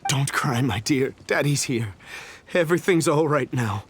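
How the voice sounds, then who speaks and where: A man voicing a gentle grateful father. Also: mid-range voice, expressive, a little slow, background noise, natural voice. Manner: warm, courteous and relieved. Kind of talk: game voice acting.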